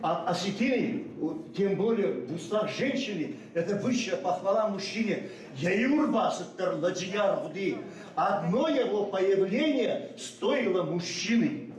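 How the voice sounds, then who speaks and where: With a high, animated voice, an older Ossetian-speaking man delivers unscripted remarks as a guest at a memorial ceremony, recorded far from the mic in an echoing school hall. His speech is halting, broken by frequent hesitations and restarts.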